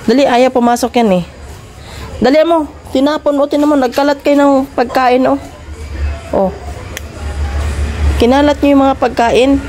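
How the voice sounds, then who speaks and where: A woman filming her dogs at home, scolding them and calling them over in a chiding, coaxing voice, then talking more quietly to viewers. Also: sits high, steady tone, moderate pace, pauses often, slight background noise. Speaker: dog owner filming her pets. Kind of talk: casual vlog narration.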